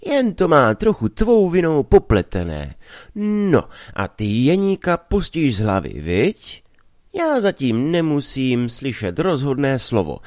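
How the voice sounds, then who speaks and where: A man reading a story aloud, voicing a pushy middle-aged marriage broker who coaxes in a drawn-out, sing-song way. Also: mid-range voice, wildly swooping pitch, a little mellow, no room sound, clean studio sound, voice pushed up. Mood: coaxing.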